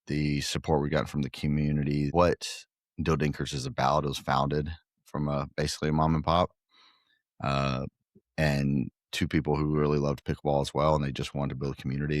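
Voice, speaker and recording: Very deep-voiced man, earnest and rambling. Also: no room sound, studio quality. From Guatemala. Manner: earnest, rambling with frequent fillers and restarts. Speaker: pickleball facility owner and podcast guest. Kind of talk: casual interview chat.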